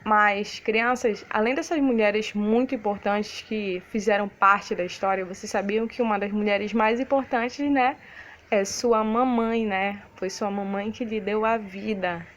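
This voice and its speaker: A woman's voice: medium pitch, fairly even intonation, measured pace, muffled recording, slight background noise. A woman with a Brazilian Portuguese accent, a primary school teacher giving a recorded lesson to young children, patiently explaining and checking in with her pupils. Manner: patient, didactic, checks in often with "né, crianças?".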